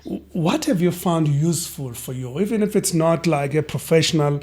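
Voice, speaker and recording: Higher-voiced male host. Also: animated, normal speed, darkish tone. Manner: supportive, many short affirming murmurs. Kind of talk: interview.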